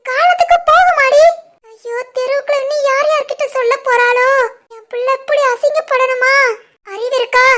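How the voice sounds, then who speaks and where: A woman voicing a furious middle-aged village mother-in-law in an animated family drama, with a Tirunelveli Tamil accent and a shrill, scolding delivery.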